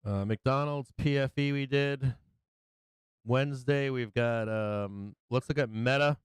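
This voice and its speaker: A man gives casual live market commentary in a very clear, resonant voice at a medium pitch. He is blunt and profane, talks in trader slang and jokes freely. The sound is close and dry. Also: slow, no room sound. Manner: jokey, chuckles often at own remarks. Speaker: host of a live stock market show.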